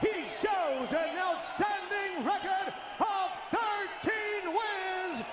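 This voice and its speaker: A man working as a boxing ring announcer, giving bilingual French and English introductions in a theatrical, drawn-out, projected delivery. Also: very high voice. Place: large indoor boxing arena. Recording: echoing arena PA, loud crowd. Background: cheering crowd.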